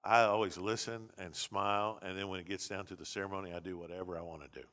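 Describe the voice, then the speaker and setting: Man, pastor, classroom lecture, blunt, slightly low pitch. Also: fairly even intonation, fast, fairly bright tone. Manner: conversational, blunt, many restarts. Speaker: pastor teaching a seminary class.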